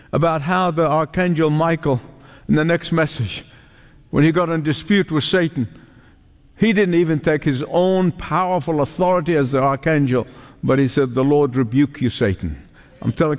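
Male pastor, high register, fervent and imploring, dramatic pauses, preaching in a big reverberant hall. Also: fairly even intonation. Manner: fervent, pleading; emphatic repetition with dramatic pauses. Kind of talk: sermon.

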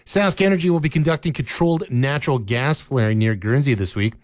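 A man reading a local radio newscast as the anchor, in a steady, measured delivery. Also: medium pitch, no room sound, studio quality. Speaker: news anchor. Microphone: close studio mic, dry.

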